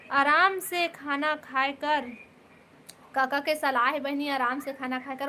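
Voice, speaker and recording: A woman's voice: sits high, bright, forceful tone, a little hiss or hum. A woman with a Chhattisgarhi accent chatting casually on a live stream, greeting viewers by name and coaxing them to stay. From Chhattisgarh, India.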